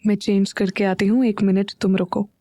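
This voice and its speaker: A woman's voice: medium pitch, level tone, normal speed, warm tone, dry recording, natural voice. A woman voicing a shy, playful young wife who teases and gets flustered easily. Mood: coy. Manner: teasing, flustered.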